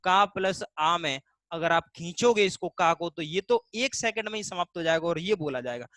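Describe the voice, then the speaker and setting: A man with a higher-pitched, fairly bright voice teaches a live online Hindi class at a normal pace, with no echo. He explains step by step, voices the students' questions himself, and draws out vowel sounds to demonstrate them.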